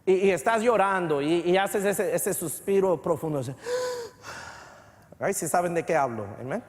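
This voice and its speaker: Man, pastor, bilingual sermon, high voice, long church echo. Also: a little slow. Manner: mixes English phrases into Spanish; repeats words, builds to fervent emphasis. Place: church sanctuary.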